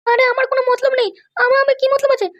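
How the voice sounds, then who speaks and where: A woman's voice: very high voice, level tone, very fast, fairly bright tone, dull audio, pitched above the performer's own voice. Woman voicing a pleading young cartoon wife. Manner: pleading, protesting innocence. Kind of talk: cartoon voice acting.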